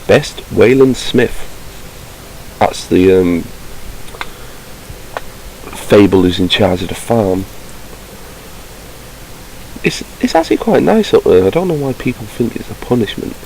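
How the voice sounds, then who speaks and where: A man's voice: lowish voice, lively intonation, a little slow, gravelly, pauses often, warm tone, slight background noise, rough recording. Chatty man narrating gameplay. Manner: chatty, wry asides. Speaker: gameplay commentator. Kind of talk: casual game commentary, reading aloud.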